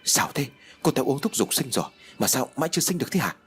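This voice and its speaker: A man voicing a domineering older woman who talks in a shrill, urgent, bossy way. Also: very animated, fast, a bit bright, faint music behind. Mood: frantic.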